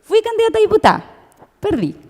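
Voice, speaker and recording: A Chilean woman in her thirties telling her own story at a conference, emotional and animated, with many restarts. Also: high-pitched, moderate pace. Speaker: conference speaker. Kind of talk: personal testimony talk. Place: church. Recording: long reverb of a church hall.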